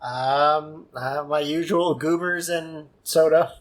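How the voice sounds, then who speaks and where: A man's voice: a little high, fairly even intonation, slow pace. A man co-hosting a casual podcast chat, joking around and laughing often. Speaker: podcast co-host.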